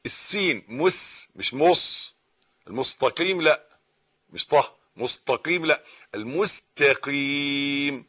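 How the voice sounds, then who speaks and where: A man with an Egyptian Arabic accent teaching Quran recitation, reciting slowly and patiently correcting each word's pronunciation. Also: on the high side, lively intonation, fairly bright tone, slightly rough. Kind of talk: slow recitation lesson with corrections.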